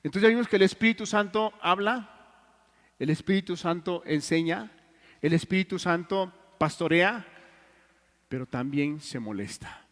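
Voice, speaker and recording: High-voiced preacher in a reverberant church. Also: male voice, lively intonation, moderate pace. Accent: Mexican Spanish. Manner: earnest storytelling preacher, swings from loud to hushed. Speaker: pastor. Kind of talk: sermon. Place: church hall.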